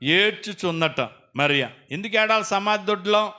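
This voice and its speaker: A man's voice: sits high, moderate pace, bright, forceful tone, smooth. A man preaching a sermon, telling a story dramatically with repeated phrases.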